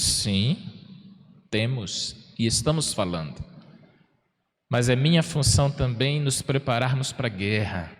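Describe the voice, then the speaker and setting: A Brazilian parish priest with a mid-range, slightly bright voice and a Brazilian Portuguese accent delivers a sermon in a folksy, chatty style. He asks his congregation questions and slows down, drawing words out to stress them. A long reverb from the church trails after his voice.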